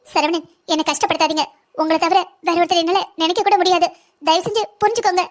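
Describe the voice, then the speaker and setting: A woman's voice: extremely high pitch, quick pace. A woman voicing a scheming, manipulative young woman in a cartoon, wheedling and threatening by turns. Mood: pleading, threatening. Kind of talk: cartoon voice acting.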